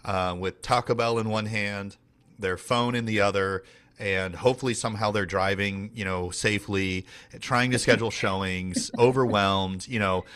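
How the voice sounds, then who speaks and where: A man's voice: on the low side, fairly even intonation, moderate pace, a bit bright, clean tone. A man talking through a casual training session with lots of fillers and restarts. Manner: rambling, many fillers and restarts. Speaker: team leader and trainer.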